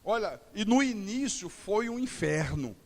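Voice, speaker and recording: High-voiced male preacher in a reverberant church. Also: big pitch swings, a little slow, a little mellow. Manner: preaching with acted-out dialogue and humor. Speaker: pastor. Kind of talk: sermon.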